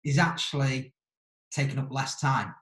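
A man talking casually on a podcast in a thoughtful, halting way, rephrasing as he goes, in an echoey room. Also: medium pitch, a bit bright.

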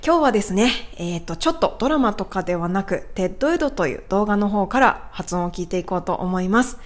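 A woman hosting an educational radio lesson as a pronunciation coach. She explains politely and repeats words slowly. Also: medium pitch, animated.

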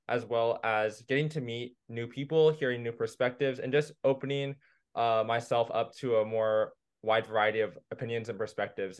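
A young man from California introducing himself as a new co-host. He speaks earnestly, with a few "um"s and "uh"s, in a smooth, clear voice at an ordinary pitch. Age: young adult. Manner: earnest, with some "um" and "uh" pauses. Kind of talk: casual chat.

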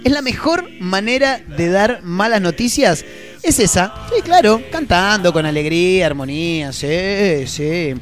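A joking radio host with a Rioplatense Spanish accent, his voice pitched high for a man. He banters and riffs with the listeners in a loose, playful way. Music plays clearly behind him in the studio. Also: animated, a little slow. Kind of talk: comic radio show banter.

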